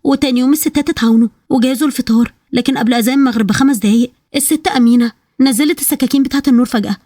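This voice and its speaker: A woman with an Egyptian accent narrating a family story in brisk scripted storytelling. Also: high-pitched, dark tone, dry recording.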